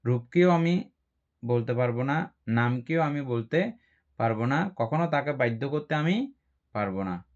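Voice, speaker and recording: A man's voice: medium pitch, lively intonation, measured pace, long pauses. A man, a Buddhist monk, teaching dharma, explaining patiently and asking rhetorical questions. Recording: dull lo-fi recording.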